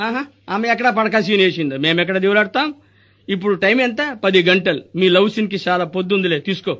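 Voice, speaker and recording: An actor playing a scheming, greedy hospital doctor in a stage comedy, firing off rustic wisecracks. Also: male voice, high-pitched, a bit bright, muffled recording. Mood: mocking. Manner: rapid wisecracking, rustic dialect.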